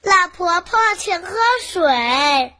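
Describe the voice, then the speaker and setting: Storybook kid, very high and bright, pouty and bossy, a little boy as acted. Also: lively intonation, a little slow, heavily acted. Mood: curious.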